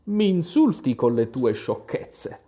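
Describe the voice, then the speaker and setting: A man's voice: mid-range voice, very animated, slow pace, dark tone. A man voicing an irritable, stern male mouse in a storybook reading. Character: touchy scolding male mouse.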